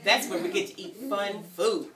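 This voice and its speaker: At a children's story time indoors, a guest reader who is also a teacher reads aloud in a steady, mid-range voice at normal speed, quizzing the kids and getting them to repeat after her. Captured on a distant mic in a roomy space, the clip has a crowd of children's voices in the background.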